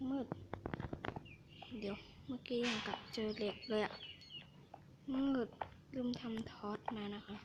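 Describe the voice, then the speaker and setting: A woman's voice: a little high, steady tone, a little slow, pauses often. A woman casually commenting on her gameplay at home, often muttering to herself in a half-whisper. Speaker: game streamer. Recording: noisy home recording with background hiss.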